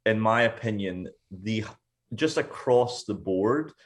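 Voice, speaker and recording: A man's voice: lowish voice, lively intonation. A young man from Scotland, a singer, talking casually as a guest, often restarting his sentences and filling with "like". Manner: halting, many restarts and "like". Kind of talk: casual interview.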